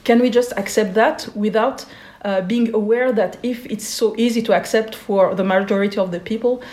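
A woman in her forties from Switzerland, a guest in an interview, speaking thoughtfully with many pauses and fillers. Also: a little high, steady tone, darkish tone, reverberant.

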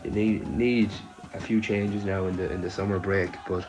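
A man's voice: low voice, fairly even intonation, moderate pace, a little mellow, low-quality recording. A man with a west of Ireland accent giving a casual, sweary voice note as a downbeat, exasperated football fan. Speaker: football supporter sending a voice note.

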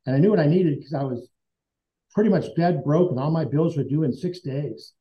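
The man talks fairly quickly with lively intonation in a slightly high voice. Appearing as an interview guest, he tells a personal story earnestly and conversationally and re-enacts dialogue from memory. The recording has a dull, lo-fi sound.

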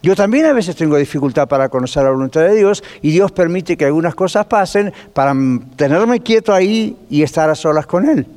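A man teaching a Bible class as pastor, lively and conversational, putting rhetorical questions to his listeners. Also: fairly high pitch, fairly quick, hardly any pauses. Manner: lively, asks the class rhetorical questions, drops in English phrases. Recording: long reverb of a church hall.

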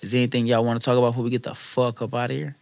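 A man's voice: mid-range voice, completely flat delivery, racing, vocal fry, darkish tone, no echo. An American man hosting a podcast in casual banter, talking in profane, slangy bro-talk. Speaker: podcast host.

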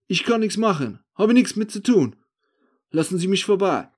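A man's voice: high voice, normal speed, a little mellow, pitched above the performer's own voice. A man voicing a nervous, shifty male street thief of about forty who speaks in broken German, agitated and pleading.

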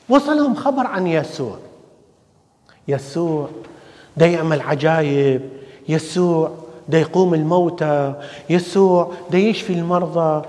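Animated Iraqi priest preaching in reverb. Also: male voice, a little high. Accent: Iraqi Arabic. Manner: animated preaching with rhetorical questions and repetition. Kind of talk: sermon. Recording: long church reverb.

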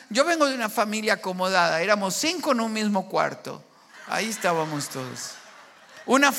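High-voiced pastor preaching in a reverberant hall. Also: male voice, vocal fry. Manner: impassioned preaching, rising to shouts. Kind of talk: sermon.

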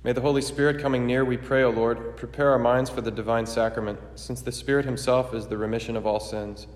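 Man, priest, flat steady intoning, cathedral echo, long ringing reverb. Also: mid-range voice, fairly quick. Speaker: priest celebrating Mass. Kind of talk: liturgical prayer and recitation. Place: large church. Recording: echoey church with long reverb.

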